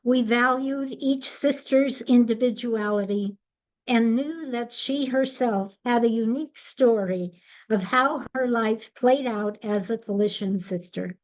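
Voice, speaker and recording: An older woman giving a webinar slide presentation in a measured, deliberate way. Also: fairly high pitch, a little mellow, poor audio.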